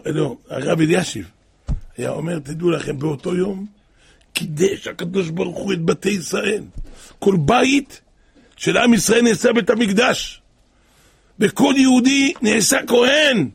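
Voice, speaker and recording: A man preaching a sermon, impassioned, moving between hushed tones and crying out. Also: sits high, gravelly, breathy edge.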